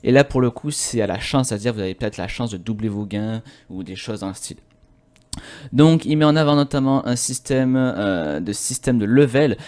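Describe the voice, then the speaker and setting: A young man from France giving a casual, chatty walkthrough of a website as a YouTuber, with relaxed slang. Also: medium pitch, moderate pace. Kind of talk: casual screen-recording walkthrough.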